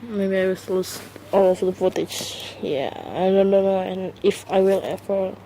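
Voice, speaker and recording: A woman records her first solo podcast by herself at home on a phone, speaking English as a second language in a hesitant, casual monologue with lots of fillers and restarts. Her warm, mid-range voice has fairly even intonation and a slightly slow pace. The audio is poor, with a little hiss or hum.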